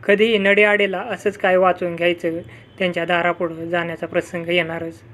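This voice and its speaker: A storyteller reading a village folk tale in a calm, steady manner. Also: medium pitch, fairly quick. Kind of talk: storybook narration.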